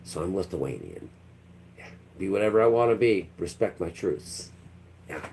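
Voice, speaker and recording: Brief: deep, mellow-toned male livestream host, rambling monologue, slight room hum behind. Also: big pitch swings, normal speed, vocal fry. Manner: rambling, acts out quotes in mock voices. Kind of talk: rambling live-stream monologue.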